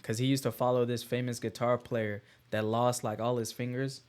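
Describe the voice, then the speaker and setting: A man's voice: mid-range voice, flat delivery, normal speed, darkish tone, clean tone. Laid-back enthusiastic male co-host. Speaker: podcast co-host. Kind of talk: casual chat.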